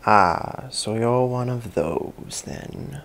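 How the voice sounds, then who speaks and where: A man voicing a menacing chaos spirit that speaks through a dead stallion, with a gravelly, echoey whisper and a snarling, threatening manner. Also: medium pitch, extremely slow, fairly bright tone, heavily acted. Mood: cold.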